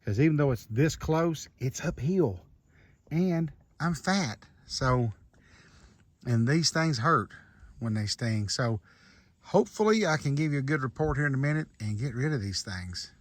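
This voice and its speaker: A man's voice: medium pitch, lively intonation, a little slow, no room sound. Man, panting, folksy, casual outdoor vlog, dry mic. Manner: folksy, talks to the wasps. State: out of breath. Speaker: junkyard owner and vlogger. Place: outdoors at a junkyard.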